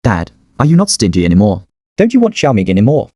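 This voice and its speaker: A man's voice: on the low side, wildly swooping pitch, quick pace, darkish tone, slightly rough, no room sound, clean studio sound, heavily acted. A man voicing a clingy, tearful little girl in a narrated story, speaking in a pleading way.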